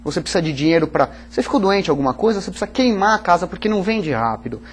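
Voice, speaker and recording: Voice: medium pitch, expressive, racing, a little hiss or hum. A finance guest explaining emphatically on a TV talk show.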